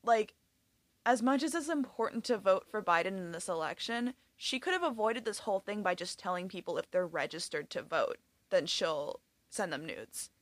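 A young woman in a casual chat, talking in a relaxed way with many fillers. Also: mid-range voice, moderate pace, dry recording. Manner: relaxed, filler-heavy talk.

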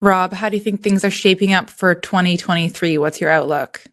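A woman's voice: on the low side, fairly quick, a bit bright. A woman hosting a podcast in a conversational, informal style. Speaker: podcast host.

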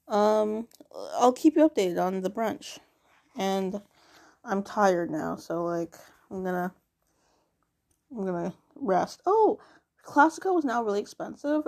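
A woman's voice: mid-range voice, gravelly, a little mellow. A young woman talking to herself in a casual, rambling diary monologue, full of filler words and swearing. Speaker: vlogger.

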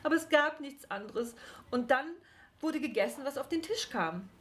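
A woman's voice: high-pitched, expressive, moderate pace, fairly bright tone, pitched above the performer's own voice. A woman voicing a grumpy old male gnome who guards a forest and frets over his children, grumbling and cursing under his breath. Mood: exasperated.

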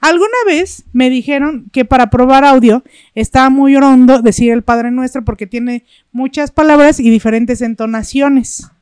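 A woman's voice: high-pitched, moderate pace, a little mellow, smooth, no echo, studio quality. A woman with a Mexican accent, chatting and telling gossip in a playful, storytelling way as a co-host. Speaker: podcast co-host. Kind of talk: casual gossip chat.

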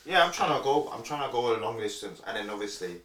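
A man's voice: medium pitch, big pitch swings, quick pace, fairly bright tone. A young man with a London roadman accent chatting casually in slang, often repeating his phrases. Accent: London, urban roadman slang. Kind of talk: casual group chat. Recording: roomy echo, clear background noise.

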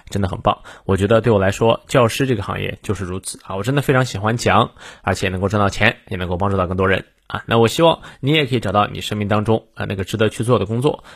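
A man's voice: on the low side, gravelly, no echo. Dry-voiced male English teacher. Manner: explanatory, adds soft particles like "ah" and "ha"; coaches pronunciation step by step. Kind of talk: morning reading lesson.

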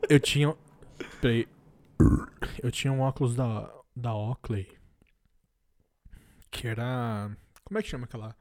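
A young man speaks with a Brazilian Portuguese accent in a middle-pitched voice. He banters like a podcast co-host, loose and slangy, joking crudely and swearing freely. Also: unhurried, long pauses. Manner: crude, joking, profanity-laden.

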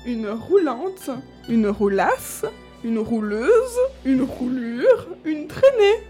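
A woman's voice: high voice, big pitch swings, extremely slow, mellow, faint music behind. A woman host in casual chat, listing old slang words with amusement and frequent laughs.

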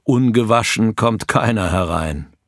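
A man voicing a friendly, red-bearded gentleman attendant in a storybook, obliging and matter-of-fact. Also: on the low side, a little slow, no echo, studio quality.

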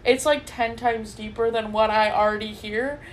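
High-voiced woman, blunt and sweary. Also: moderate pace, low-quality recording. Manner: blunt, swears freely, laughs often. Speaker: podcast co-host. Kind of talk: casual chat.

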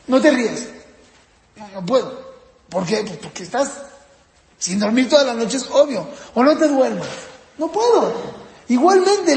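A man teaching a parenting course in a casual, lively lecture style. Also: reverberant, in a large hall. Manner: lively, jumps up and down in pitch acting out parents and kids.

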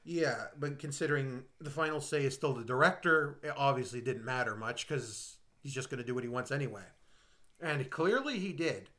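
A man's voice: mid-range voice, lively intonation, normal speed, sharp tone. A man co-hosting a movie podcast, rambling through an exasperated, casual critique of a film. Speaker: podcast co-host. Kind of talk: casual movie review chat.

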